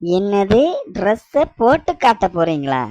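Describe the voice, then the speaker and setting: A woman's voice: mid-range voice, sing-song, unhurried, warm tone, no echo. A woman voicing a bewildered, grumbling young husband in a cartoon, complaining sarcastically. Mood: exasperated. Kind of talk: cartoon voice acting.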